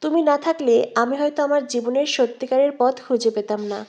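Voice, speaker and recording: A woman reading out the lines of a young bride who talks earnestly and gently to her friend. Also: sits high, a little fast, lo-fi sound.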